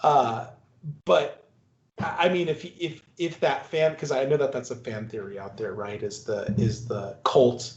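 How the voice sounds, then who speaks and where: A man's voice: medium pitch, steady tone, a little slow, a little mellow. A man hosting a podcast in casual movie talk, rambling and restarting, often laughing. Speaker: podcast host. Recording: roomy, dull recording.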